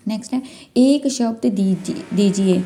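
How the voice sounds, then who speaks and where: A woman's voice: medium pitch, measured pace, mellow, a little hiss or hum. A woman teaching a Hindi exam-prep lesson, going through questions one by one, repeating key words and sounding out letters as she explains.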